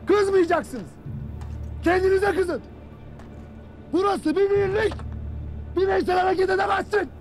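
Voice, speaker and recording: Harsh army commander chewing out his unit; shouting, pushed way up in pitch. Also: measured pace, pauses often, soft background music. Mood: furious. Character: stern male army commander berating his troops. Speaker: military commander. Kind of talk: dramatic film acting.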